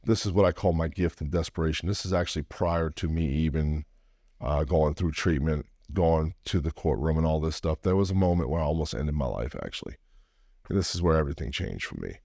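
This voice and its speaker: Low-voiced Louisiana man, podcast guest, earnest heartfelt storytelling, dead-dry close recording. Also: brisk, vocal fry, darkish tone, no room sound. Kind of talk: personal storytelling interview.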